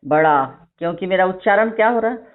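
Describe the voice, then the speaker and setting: A woman teacher dictating a vocabulary list to her class, repeating each word slowly and explaining spelling. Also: mid-range voice. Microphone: phone recording of an online class. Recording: tinny phone-like screen recording.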